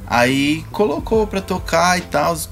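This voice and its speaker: A man's voice: fairly high pitch, expressive, slow pace, vocal fry, fairly bright tone, soft background music. A man with a Brazilian Portuguese accent chatting casually and informally, using plenty of slang. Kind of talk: casual chat.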